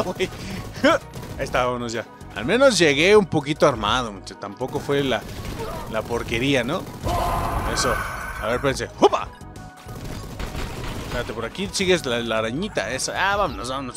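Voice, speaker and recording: Young man, Mexican accent, high lively voice, rowdy let's play commentary, loud game music behind. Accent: Mexican Spanish. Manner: excitable, swears and shouts at the game. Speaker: gaming streamer.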